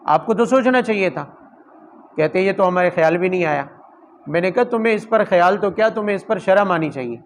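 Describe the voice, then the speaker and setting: A man delivers a Quran commentary sermon in a high-pitched voice. He talks to his listeners conversationally, asking rhetorical questions and telling stories from his own teaching. A faint hum of noise sits behind him. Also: lively intonation, low-quality recording.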